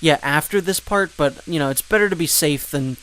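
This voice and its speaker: A man's voice: a little high, moderate pace, a bit bright, a little hiss or hum. A man giving casual gameplay commentary, rambling with joking asides and fillers. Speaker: let's play commentator.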